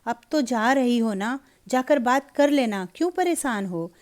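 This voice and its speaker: Woman reading a calm young husband. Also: fairly high pitch, a little slow.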